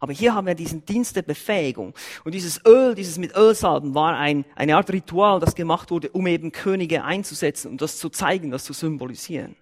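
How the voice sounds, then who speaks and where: A man's voice: on the high side, brisk, hardly any pauses. A man who is a church elder, giving an emphatic Bible-teaching sermon and numbering and repeating his points.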